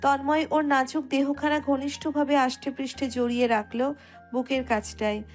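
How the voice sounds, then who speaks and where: A woman narrator reading a scripted romantic story in expressive literary prose. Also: sits high, moderate pace, soft background music.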